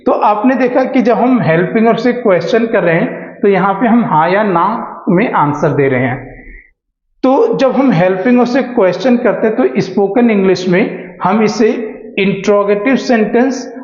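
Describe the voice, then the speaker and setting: A man teaching a spoken English class, explaining grammar patiently and reading example sentences slowly. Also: sits high, animated, a little mellow. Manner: explains slowly, reads English examples aloud at a very slow pace. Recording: echoey dull room recording.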